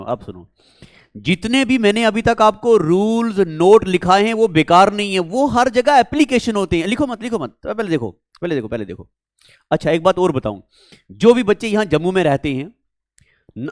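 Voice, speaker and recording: A man with a fairly high voice teaches a maths class, working through a problem while he coaxes his students, repeats words and asks them questions. The recording is dry, with clean studio sound.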